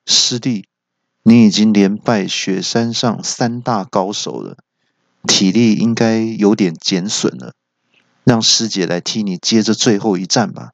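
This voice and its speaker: A man voicing a frail-looking young woman who is a secret kung fu master, speaking calmly and composed. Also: fairly low pitch, a little slow, gravelly, no room sound, dull audio.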